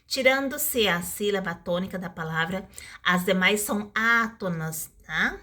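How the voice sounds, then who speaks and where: Woman teaching, slow example words. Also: mid-range voice, pushed and bright. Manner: stretches out example words slowly, tag questions. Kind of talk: casual explanatory lesson.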